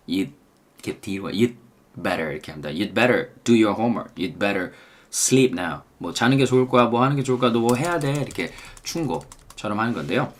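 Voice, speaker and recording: Korean-accented male English tutor, lowish voice, slow deliberate drills. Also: a little hiss or hum. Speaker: English teacher. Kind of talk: language lesson.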